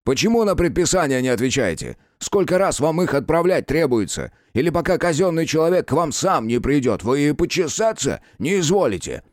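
A man voicing a stocky, irate official in his forties who barks orders in a booming, commanding voice. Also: sing-song, moderate pace, no echo, clean studio sound.

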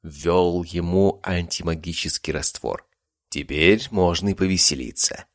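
Low-voiced man narrating expressively. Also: unhurried, dry recording. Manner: expressive storytelling. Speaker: audiobook narrator. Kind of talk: scripted fantasy narration.

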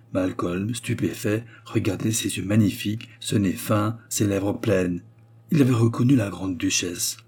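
A male audiobook narrator reading a novel in a steady, measured way. His voice is low, dark and husky.

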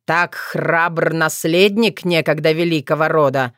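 Woman voicing a sneering male sorcerer, arrogant and cruel, slow taunting lines, lowish voice, dry close sound. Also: fairly even intonation, fairly bright tone, dry recording. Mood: mocking.

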